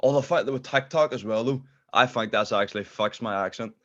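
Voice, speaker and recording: A man's voice: mid-range voice, a little fast, a bit bright, highs cut off. A young man with a strong Derry accent from Northern Ireland, chatting casually and jokingly as a podcast guest. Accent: Derry, Northern Irish. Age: young adult. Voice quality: strong regional accent, hard to understand at times. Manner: joking, self-deprecating. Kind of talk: casual chat. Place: bedroom, on a video call.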